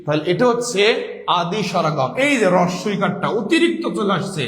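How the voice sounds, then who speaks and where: Male tutor with a Bangladeshi Bengali accent and a high voice, quizzing his class in a reverberant room. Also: sing-song, brisk, fairly bright tone. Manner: drills students with repeated questions and answers. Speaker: teacher. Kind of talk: online exam-prep grammar lesson. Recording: echoey room with long reverb.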